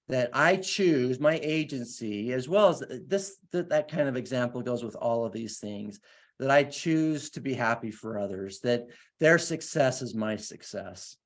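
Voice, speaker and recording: A man's voice: mid-range voice, expressive, measured pace. A man speaking as a guest, giving an earnest, enthusiastic motivational talk and then answering questions, often restarting his sentences.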